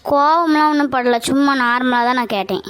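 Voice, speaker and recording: A woman's voice: high voice, fairly quick, fairly bright tone, clear, resonant tone, no echo. A young woman in a scripted romantic drama, pleading and apologetic. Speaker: girlfriend in a family skit.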